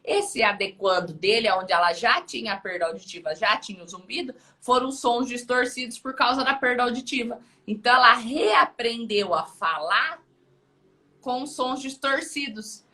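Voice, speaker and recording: Woman, audiologist guest, casual interview, bright tone, chatty, frequent check-in tags. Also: a little high, moderate pace.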